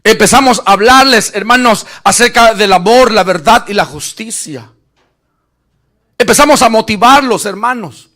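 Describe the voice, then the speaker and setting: A man preaching an animated sermon, shouting at peaks and acting out Bible scenes in voices. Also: high-pitched, moderate pace. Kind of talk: lively Spanish-language sermon.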